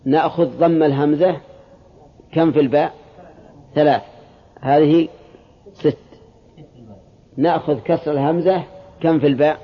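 A man's voice: a little high, fairly even intonation, moderate pace, long pauses, highs cut off. Man teaching a lesson, quizzing students. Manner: explains step by step and quizzes students with short questions. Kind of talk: religious classroom lesson.

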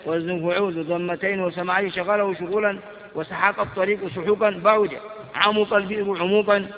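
A man's voice: high voice, little pitch movement, fairly quick. A man teaching a grammar lesson, reciting word patterns and examples and asking his listeners questions. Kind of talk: Arabic grammar lesson explaining verbal noun patterns. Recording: dull recording with long hall reverb.

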